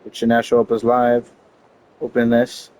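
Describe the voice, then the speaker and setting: This mid-range male voice is a little mellow, delivered completely flat at a moderate pace. He's chatting on a game stream in a rambling way, interrupting himself to grumble in slang with mild exasperation.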